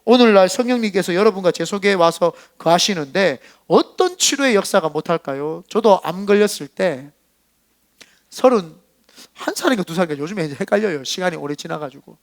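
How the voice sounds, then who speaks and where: A middle-aged Korean pastor with a fairly high voice preaches in a church, telling his own story with lively shifts between hushed and loud moments. The sound is close and dry, with little room around it. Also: fairly quick, no echo. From South Korea. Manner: animated storytelling, acting out dialogue with rising and falling loudness. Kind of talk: sermon with personal testimony.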